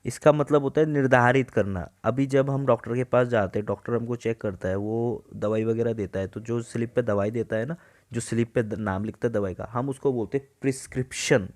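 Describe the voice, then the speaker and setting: Indian man slowly reading and explaining. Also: medium pitch, fairly even intonation, a little mellow. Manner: reads English phrases slowly word by word, then explains in Hindi; spells out words letter by letter. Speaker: teacher explaining a newspaper editorial. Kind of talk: exam-prep vocabulary lesson.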